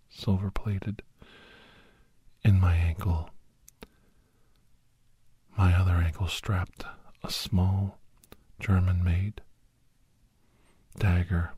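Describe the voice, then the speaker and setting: In this ASMR audio story, a man plays a weary older doctor and veteran hunter weighed down by guilt, whispering a slow, halting confession. His voice is breathy, husky, low and mellow, heavily acted, with no room sound. The mood is grave and reflective.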